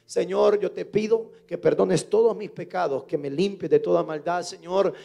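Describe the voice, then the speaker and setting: High, gravelly-voiced male pastor preaching. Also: steady tone, normal speed, mellow. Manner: preaching, firing questions at the congregation. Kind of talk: sermon. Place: church service.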